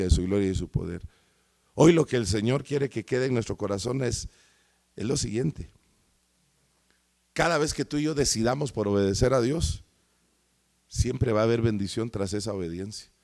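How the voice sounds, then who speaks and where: A man's voice: mid-range voice, darkish tone. A middle-aged man preaching a sermon, his delivery swelling and falling, and he acts out the voices he quotes. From Guatemala.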